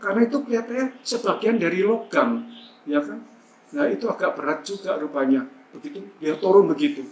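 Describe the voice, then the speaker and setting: Man, slightly high voice, chatty and rambling testimony, echoey church hall with faint hum. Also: lively intonation, a little fast. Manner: chatty, rambling, with many fillers. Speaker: church member giving a testimony. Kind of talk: casual testimony storytelling.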